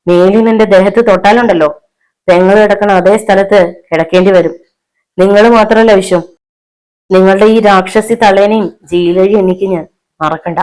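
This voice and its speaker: Woman doing a fed-up young wife, sharp and cutting, storybook heroine. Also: fairly low pitch, fairly even intonation, fairly quick, close to an everyday voice, poor audio. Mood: defiant.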